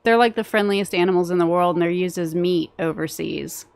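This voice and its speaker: A woman's voice: lowish voice, fairly quick, gravelly, darkish tone, dry recording. A woman in her thirties hosting a casual chat, giggling and reading out viewer comments. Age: 30s. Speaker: vlog host.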